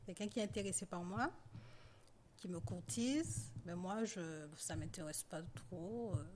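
A woman guest on a podcast giving a personal account, talking softly and haltingly with many pauses and fillers. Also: lowish voice, animated, slight background noise. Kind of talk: personal testimony in conversation.

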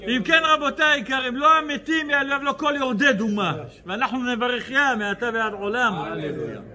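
A man giving a religious lecture to a live audience, telling humorous stories and quizzing his listeners. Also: very high-pitched. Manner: lively storyteller who acts out dialogue in his stories; addresses the audience directly with questions.

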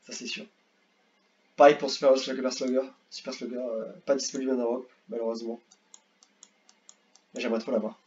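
Young man, casual gaming commentator; rambly, excitable, muffled home recording. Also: mid-range voice, fairly quick, pauses often. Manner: rambling, repeats words, excitable bursts. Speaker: gaming youtuber. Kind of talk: casual tier-list commentary.

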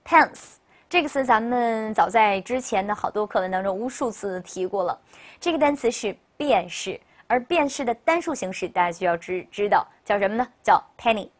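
In a medium-pitched, animated voice, a woman teaches a recorded English vocabulary lesson, chatting cheerfully in Chinese and often saying "OK, 好的" before moving on. When she models a word, she pronounces it slowly and drawn out so learners can follow along.

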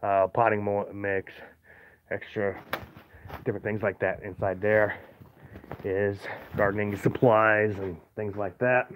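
A man's voice: on the low side, little pitch movement, a little slow, long pauses. Male homesteader, chatty walkaround vlogger, filler-heavy delivery; outdoor phone recording, thin and tinny with faint hiss. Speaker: homesteader giving a property tour. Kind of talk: casual walkaround narration. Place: outdoors on a rural homestead yard. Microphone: phone camera held while walking. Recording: tinny phone-line sound with faint noise.

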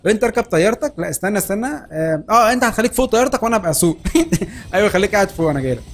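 Fast excitable Egyptian man commenting gameplay. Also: high voice, a little hiss or hum. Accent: Egyptian Arabic. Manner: rapid, laughing, shouting in excitement. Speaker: gaming channel host.

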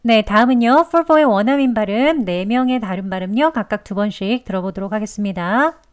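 A woman's voice: medium pitch, clear, resonant tone. Korean woman teaching English pronunciation. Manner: patient, demonstrates sounds slowly. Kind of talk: pronunciation lesson.

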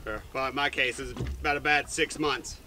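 A man's voice: medium pitch, steady tone, moderate pace, bright, forceful tone, slight background noise. A man, explaining farm chores in a loose, casual way with lots of fillers, recorded outdoors on a camera. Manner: folksy, loose, with many fillers. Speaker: farmer vlogger. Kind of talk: casual how-to talk. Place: outdoor sheep pen on a farm. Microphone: handheld or body camera. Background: sheep bleating.

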